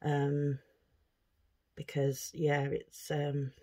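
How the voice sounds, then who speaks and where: Woman with a deep voice, talks slow, just chatting away as she unboxes stuff. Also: monotone, dark tone. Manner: chatty, thinking aloud while handling items. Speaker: craft vlogger. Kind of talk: casual unboxing chat.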